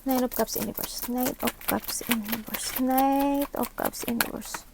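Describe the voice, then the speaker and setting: This tarot reader from the Philippines has a fairly high, fairly even voice with vocal fry and a measured pace, against a noisy background. Using her own microphone for a live reading, she thinks out loud in Filipino-accented Tagalog sprinkled with English, often tagging on quick questions to get agreement.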